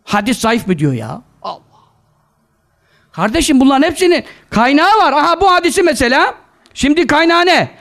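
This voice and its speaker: A male preacher with a very high voice that leaps up and down, scolding his listeners and firing rhetorical questions at them. He works quoted Arabic scripture into his talk. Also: very animated, normal speed, creaky, a bit bright. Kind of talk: sermon to a live gathering.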